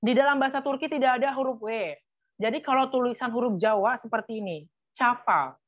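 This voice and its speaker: A woman's voice: a little high, fast. A woman teaching a live online language lesson, patiently spelling out letters and repeating them, with casual fillers. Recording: slightly muffled dry sound.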